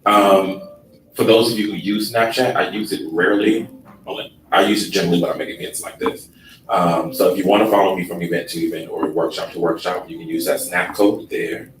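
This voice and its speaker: A deep-voiced man gives a relaxed workshop presentation in a conference room, sleepy and laid-back, unhurried and full of ums. He is recorded from far off in an echoey room with noise.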